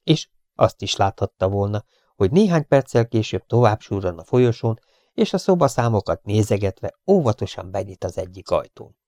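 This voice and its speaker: A man's voice: on the low side, sing-song, mellow, no echo, clean studio sound. A man narrating an audiobook in a wry storytelling manner. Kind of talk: scripted narration.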